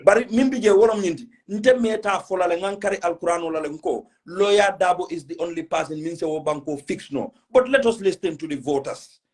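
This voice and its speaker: A man with a West African accent hosts a casual political live stream, mixing English with a local language and speaking emphatically as he repeats his phrases. His voice is high-pitched and a little fast, with hardly any pauses.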